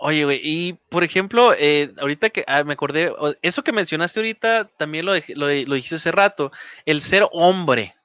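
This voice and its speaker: A man's voice: on the high side, animated, normal speed, a bit bright, smooth, dry recording. A man with a Mexican accent hosting a podcast in casual conversation, rambling with lots of fillers and laughing often. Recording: dull, dry podcast audio.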